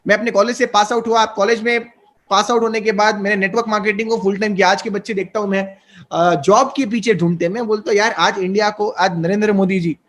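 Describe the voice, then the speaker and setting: High-voiced earnest young man. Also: fairly even intonation, fast talker, fairly bright tone. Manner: earnest, persuasive, mixes English terms. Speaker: network marketing guest. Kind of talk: motivational interview talk.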